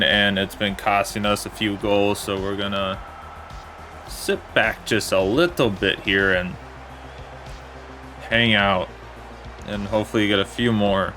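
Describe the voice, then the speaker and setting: Low-voiced man commentating his game. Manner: plain, steady play-by-play with mild disappointment. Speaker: gaming commentator.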